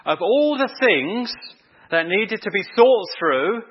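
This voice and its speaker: Male preacher, conversational sermon, husky tone, muffled lo-fi church recording. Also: high-pitched, lively intonation, slow pace. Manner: chatty, quizzes the congregation. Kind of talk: evening sermon.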